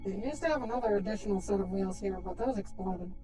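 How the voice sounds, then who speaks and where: A man's voice: sits high, quick pace, warm tone, faint music behind, voice pushed up. A man streaming a video game through a voice changer that makes him sound like a woman, chatting casually in a dry, self-deprecating way. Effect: voice changer making him sound like a woman. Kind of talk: casual live-stream chat.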